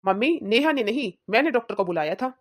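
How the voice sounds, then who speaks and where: A woman voicing a young married son in a cartoon, calm and reasoning. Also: on the high side, fast talker.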